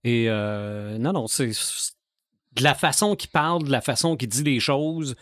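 A man with a Québécois accent, co-hosting a podcast, talking in a thoughtful, measured way. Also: medium pitch, fairly bright tone, no echo. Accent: Québécois French. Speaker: podcast co-host. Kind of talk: casual chat.

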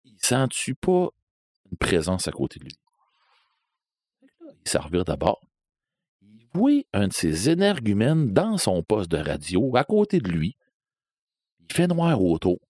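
A man's voice: on the low side, unhurried, long pauses, no echo, studio quality. A man with a Québécois accent telling a spooky story in a casual, conversational way. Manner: lively, animated, conversational with fillers.

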